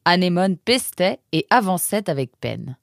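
A woman narrating a children's storybook with an expressive, measured reading. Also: lowish voice, vocal fry, no echo.

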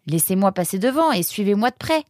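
A woman voicing a calm, polite male forest animal in a storybook, speaking evenly and kindly. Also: mid-range voice, a little fast, dry recording, studio quality, pitched above the performer's own voice, natural voice. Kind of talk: storybook character voice.

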